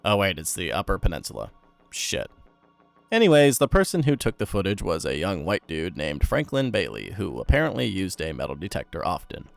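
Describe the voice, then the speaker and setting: A man's voice: sits low, creaky. A young man giving wry, sarcastic commentary on horror videos.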